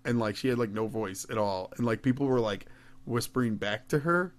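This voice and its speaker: A man's voice: medium pitch, fairly quick. A man co-hosting a podcast in casual chat, telling stories with lots of laughter. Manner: laughing storyteller, animated. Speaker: podcast co-host.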